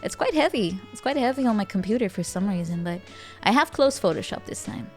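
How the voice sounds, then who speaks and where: A woman livestreamer talks casually to her chat while gaming. Her manner is playful and cute, in the anime-streamer mould, at a middling pitch. Music plays clearly behind her voice. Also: expressive, fairly quick, darkish tone.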